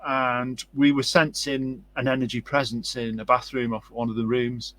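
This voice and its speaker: A man's voice: medium pitch, level tone, moderate pace, a bit bright, dry recording. A man hosting a casual interview, telling rambling stories and often affirming his guest. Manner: rambling storyteller, frequent affirmations. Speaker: host.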